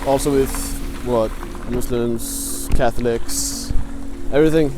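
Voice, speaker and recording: Halting young man. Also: medium pitch, steady tone, over music. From Iceland. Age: young adult. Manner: halting, searching for words. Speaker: student. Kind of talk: street interview.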